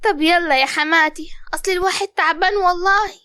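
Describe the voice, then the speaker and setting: An actress playing a mocking, spiteful young sister-in-law with an Upper Egyptian accent, speaking sarcastically. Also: female voice, extremely high pitch, fairly even intonation, quick pace, sharp tone, no room sound, clean studio sound. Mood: sneering. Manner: sneering, sarcastic.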